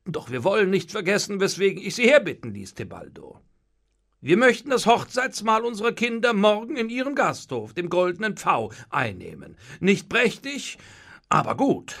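A gruff middle-aged father, loud and curt, as a man reads him in a storybook. The voice is raspy and gravelly underneath. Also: high-pitched, sing-song, normal speed, voice pushed up, exaggerated voice. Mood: pleased.

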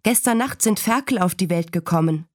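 A woman voicing a farm mother who talks calmly and firmly. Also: fairly low pitch, a little fast, dry recording, studio quality, natural voice. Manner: calm and firm. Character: firm, matter-of-fact farm mother.

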